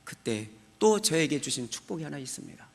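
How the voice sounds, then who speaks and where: A middle-aged man giving a church testimony, with a high, bright and gravelly voice that swings wildly in pitch. He acts out his own prayers dramatically. His words ring through a reverberant church hall. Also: very animated, a little fast.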